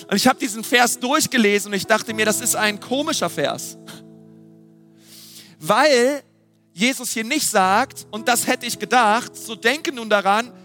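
High, bright-voiced man preaching. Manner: lively, emphatic, with dramatic questions. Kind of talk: sermon.

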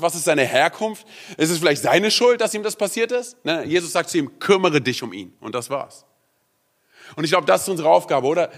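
Male preacher, lively conversational sermon, somewhat high pitch. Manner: lively, conversational, peppered with "hey" and "oder?". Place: church.

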